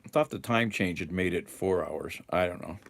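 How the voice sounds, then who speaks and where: A man hosting a casual live chat, rambling and musing aloud with soft chuckles. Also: sits low, normal speed, vocal fry. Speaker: livestream host.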